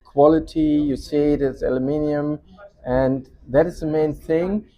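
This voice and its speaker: In a lo-fi recording, a man with a German accent and a somewhat high, steady voice presents a product for his company. The demonstration is informal, and his non-native English comes out halting as he searches for words.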